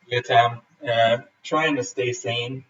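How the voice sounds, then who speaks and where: A Michigan man livestreams his home brew day from his brewing setup in Denmark on a rainy day, chatting casually with lots of fillers, halting and rambling, and laughing often. His mid-range voice has a sharp tone. Captured by a streaming camera and laptop, the sound is roomy, distant, dull and lo-fi with faint ambience.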